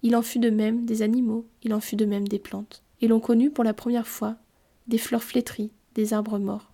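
A woman reading a storybook aloud in a calm, measured way. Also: fairly high pitch. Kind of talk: scripted storybook narration.

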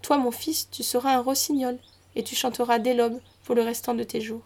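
A woman's voice: on the high side, flat delivery, brisk, a little mellow, lightly acted. A woman voicing a loving young wife in a folk tale, speaking in a soothing, tender way. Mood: mournful. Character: young wife of a river lord, loving and gentle.

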